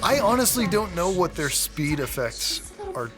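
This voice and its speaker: A man's voice: high-pitched, sing-song, a little slow, over loud music. A man co-hosting casual film reaction commentary in a wry, sarcastic way. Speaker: co-host.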